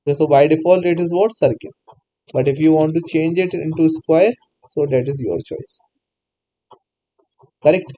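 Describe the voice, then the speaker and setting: A man's voice: fairly high pitch, moderate pace, long pauses, mellow, rough recording. A man teaching a live online coding class, repeatedly asking students to answer. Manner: prompts students repeatedly, non-native English phrasing. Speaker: programming teacher.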